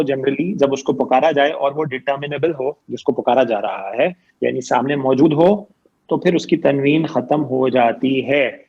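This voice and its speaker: A man's voice: fairly high pitch, darkish tone. Guy teaching grammar online, patient, keeps asking the class questions, muffled audio. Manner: explains patiently, asks students questions and repeats points.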